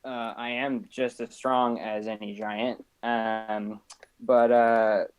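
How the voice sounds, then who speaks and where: A man's voice: mid-range voice, level tone, slow pace, clear, resonant tone, lo-fi sound. A man playing a tabletop game on a live stream, talking in character with lots of hesitation and trailing off. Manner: hesitant, full of ums and trailing off. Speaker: player.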